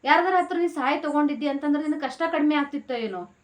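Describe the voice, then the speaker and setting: A woman voicing a proud, tearful mother who asks her son soft questions. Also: sits high, fast, voice pushed up, natural voice. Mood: tender.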